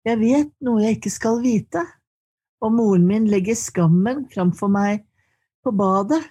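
A woman reading her poetry aloud in slow, measured lines, then answering questions in conversation. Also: mid-range voice, mellow, slightly rough. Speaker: poet and guest.

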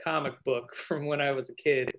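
A man's voice: medium pitch, fairly even intonation, normal speed, vocal fry, slight background noise. Hesitant man from Brooklyn. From Brooklyn, New York. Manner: hesitant, repeats words. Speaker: guest. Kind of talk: casual group chat.

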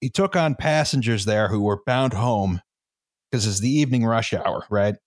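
A man's voice: fairly low pitch, normal speed, no room sound, clean studio sound. A man hosting a casual history podcast, explaining at length with many fillers and checks of "right?". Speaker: podcast host presenting the history.

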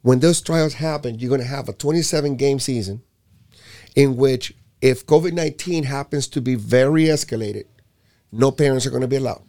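A man from Puerto Rico who runs a youth basketball program, speaking in a casual conversation with an animated, emphatic delivery and frequent repeated words. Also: mid-range voice, moderate pace.

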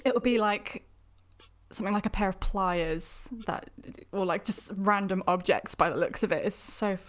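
A woman with a mixed southern English accent, hosting a casual chat. She is chatty and giggly and makes quick asides. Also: medium pitch. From England, born in the southeast, raised in the southwest. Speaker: podcast host. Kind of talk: casual video-call chat.

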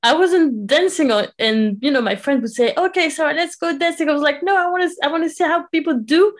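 A woman from France, a guest DJ talking in a relaxed, casual interview. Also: sits high, brisk.

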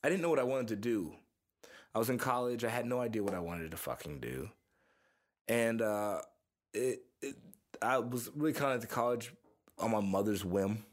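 A young man from the Houston, Texas area, a musician guest in an interview, speaks in a lowish voice at a moderate pace. Relaxed and profane, he rambles from one story to the next.

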